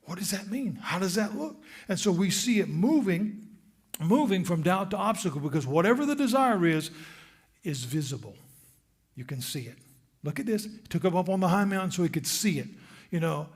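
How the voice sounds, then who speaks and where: A man preaching a church sermon as pastor, emphatic and repetitive, dropping suddenly to a hush for effect. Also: sits high, lively intonation, moderate pace.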